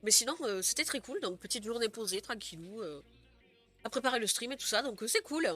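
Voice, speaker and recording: A woman's voice: a little high, lively intonation, a little fast, a bit bright, faint music behind. A young woman streamer chatting casually with her viewers, giggling often and filling her talk with "euh" and "genre". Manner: chatty, giggly, many fillers. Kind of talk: casual live stream chat.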